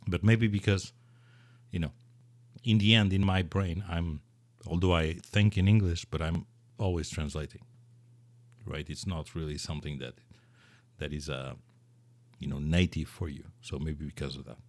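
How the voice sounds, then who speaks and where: Very low-voiced guy, portuguese native, chatting loose and rambly, dry close sound. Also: steady tone, normal speed, pauses often, no room sound. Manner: rambling, full of repeats and fillers. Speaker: podcast host. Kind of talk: casual chat.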